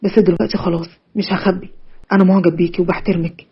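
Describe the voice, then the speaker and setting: A woman voicing an earnest, polite young man courting a girl, speaking softly and steadily in an Egyptian accent. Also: lowish voice, little pitch movement, racing, husky, dull audio, pitched below the performer's own voice. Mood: sincere. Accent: Egyptian Arabic.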